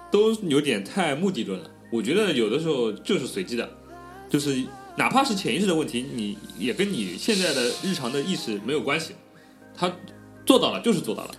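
A man's voice: medium pitch, big pitch swings, moderate pace, fairly bright tone, soft background music. A man in a casual group chat, joking around and then giving his opinions plainly. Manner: jokey and opinionated, with bursts of laughter.

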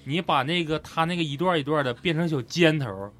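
A man's voice: on the high side, quick pace, fairly bright tone. A man chatting casually and telling anecdotes in an earthy, vivid way. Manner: earthy, vivid storytelling with swearing. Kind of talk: casual group chat, anecdotal. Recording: music playing behind the talk.

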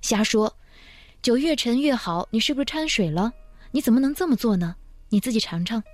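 A woman's voice: medium pitch, fairly even intonation, normal speed, mellow, breathy edge, no echo. A woman voicing a frustrated, impulsive young male official in a love story read aloud, agitated and stammering. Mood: accusing.

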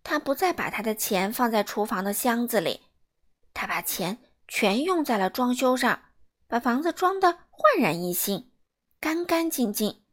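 Woman storyteller, higher voice, very animated reading. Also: moderate pace. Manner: lively, playful, asks listeners.

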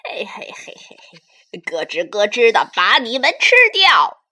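A woman voicing a menacing male albertosaurus in a storybook, taunting and loud. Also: mid-range voice, sing-song, unhurried, slight background noise. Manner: taunting, then flustered.

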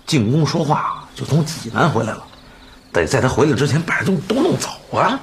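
A man's voice: medium pitch, sing-song, brisk, background noise. An actor playing a crude, scheming, irritable man of a wealthy household in a period TV drama, with a Beijing accent and earthy swearing. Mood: defensive scheming.

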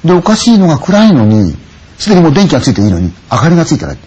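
A man's voice: fairly high pitch, wildly swooping pitch, rapid-fire, a little mellow, slightly rough, highs cut off. A man telling a ghost story dramatically, full of sound effects and acted-out voices.

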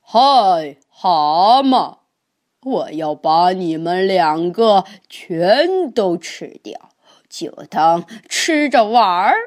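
A woman's voice: lowish voice, very animated, drawn-out words, exaggerated voice. A woman voicing a huge, menacing, hungry monster in a children's storybook. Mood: roaring. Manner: loud roaring threats.

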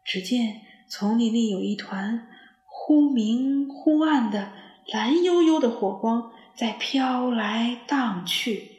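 Slow, expressive woman storyteller. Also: a little high, echoey room. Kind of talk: children's story narration.

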